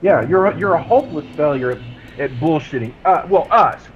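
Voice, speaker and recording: A man's voice: fairly high pitch, animated, fairly quick, phone-quality sound, a little hiss or hum. A man on voice chat teasing a friend, repeating himself and swearing casually. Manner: teasing, repetitive, profane.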